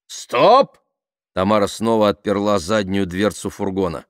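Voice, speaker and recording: A man reading a short story aloud as an audiobook narrator, with expressive storytelling. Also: low-pitched, normal speed, no echo, studio quality. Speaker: audiobook reader. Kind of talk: scripted narration.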